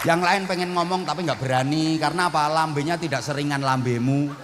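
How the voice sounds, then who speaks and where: A man's voice: fairly high pitch, fairly quick, in a large hall, a crowd in the background, noisy background. A man with a Javanese accent preaching a humorous sermon, blunt and joking, speaking outspokenly to a gathering. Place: outdoor religious gathering.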